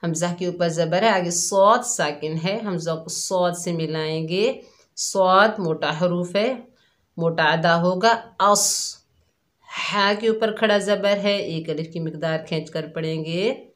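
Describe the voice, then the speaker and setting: A woman with a somewhat low voice gives a calm, methodical recitation lesson, naming each letter and mark in turn. She speaks very slowly and patiently, and her throat sounds a little sore. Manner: calm, methodical explaining, drawn-out recitation of words. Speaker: Quran recitation teacher. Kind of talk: slow step-by-step tajweed lesson.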